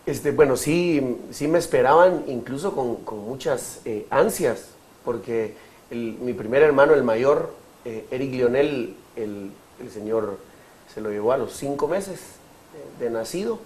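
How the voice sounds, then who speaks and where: A Guatemalan man in his thirties giving his testimony in an interview, speaking haltingly with many fillers and restarts. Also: mid-range voice, animated, darkish tone, low-quality recording. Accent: Guatemalan Spanish. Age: 30s. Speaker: interview guest.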